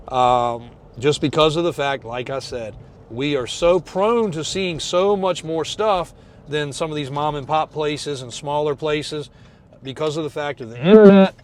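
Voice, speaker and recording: A man talking casually to his viewers from a moving vehicle, emphatic and repeating phrases for stress. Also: on the high side. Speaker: car dealership owner and video host. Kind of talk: casual ride-along talk to viewers.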